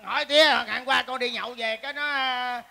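A man's voice: very high voice, fairly even intonation, fast talker, creaky, pushed and bright. A man with a Southern Vietnamese accent, playing a rowdy drunk son in a comedy sketch.

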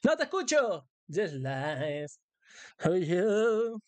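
A man's voice: high voice, big pitch swings, extremely slow, dry recording. A man with a Spain Spanish accent giving playful, singsong, crude live commentary as a streamer while he plays a game.

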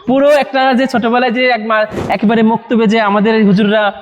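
Fast, high-voiced man in a reverberant hall. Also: level tone, dull audio, a little hiss or hum. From Bangladesh. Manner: coaxing, asks listeners questions. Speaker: publisher's presenter addressing young men. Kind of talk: promotional talk to a live group.

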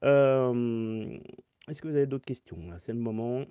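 A man's voice: medium pitch, fairly even intonation, measured pace, clear, resonant tone, no room sound, phone-quality sound. A man teaching saxophone in a live-stream Q&A, explaining step by step and answering chat comments aloud through his phone.

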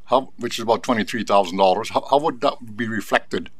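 A man's voice: fairly low pitch, brisk. A man serving as a town councillor, asking a presenter a question in a council chamber in a formal, polite way.

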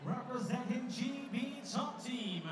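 A middle-aged man announcing fighters like a boxing ring announcer, formal and emphatic with drawn-out names, on a handheld microphone. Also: extremely high pitch, over loud music. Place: cage in a dark event arena.

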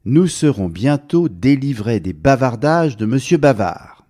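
A storyteller voicing a shrewd hatter who makes brisk, satisfied remarks. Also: male voice, mid-range voice, big pitch swings, warm tone, pitched above the performer's own voice. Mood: pleased. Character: shrewd, quietly pleased male hatter.

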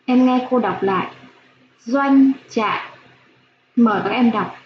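A woman primary school teacher giving a slow phonics lesson for young children, spelling out sounds clearly with gentle instructions. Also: fairly high pitch. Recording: echoey room, dull lo-fi sound, faint hiss.

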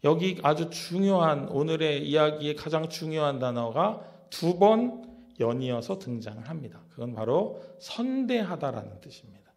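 Brief: male pastor, chatty sermon full of questions, animated pitch, slightly high voice. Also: moderate pace, creaky. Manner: conversational, many rhetorical questions.

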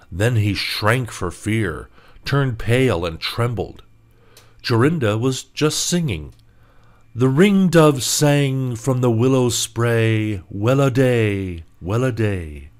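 A man narrating a fairy tale for English learners in a slow, clear and expressive reading. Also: medium pitch. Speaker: storyteller.

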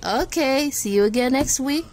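A woman teacher reads a picture book aloud to children in English, her high voice at a normal speed. She is expressive and patient, adding gasps and asides as she goes.

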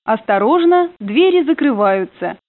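A woman's voice: on the high side, big pitch swings, a little slow. A woman reading prerecorded train announcements, heard over the train's intercom, polite and formal. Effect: played over a train intercom. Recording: narrow phone-like dry sound.

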